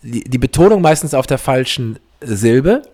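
A man's voice: medium pitch, lively intonation, normal speed, warm tone, slight background noise. A man hosting a casual podcast, talking loosely with many fillers and restarts. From East Belgium. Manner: chatty, many fillers and restarts, laughs easily. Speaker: podcast host. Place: podcast setup, Berlin.

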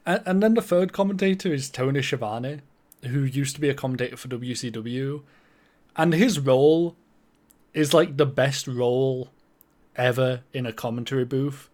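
A man's voice: mid-range voice, normal speed, a little mellow. A man co-hosting a podcast, casually explaining wrestling commentators and matches with plenty of fillers. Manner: explanatory, knowledgeable, filler-heavy. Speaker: podcast co-host. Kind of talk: casual chat about wrestling.

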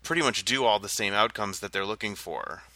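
A man's voice: fairly low pitch, brisk, pushed and bright, dry recording. A man co-hosting a casual political podcast, thinking aloud and hedging with "I think" and "like.". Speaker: podcast co-host.

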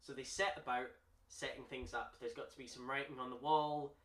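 A man's voice: mid-range voice, steady tone, fairly quick, a bit bright. A man chatting casually as a podcast co-host, laughing often and enthusiastic. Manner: chatty, laughs often, puts on voices in jokes. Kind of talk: casual chat. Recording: echoey room.

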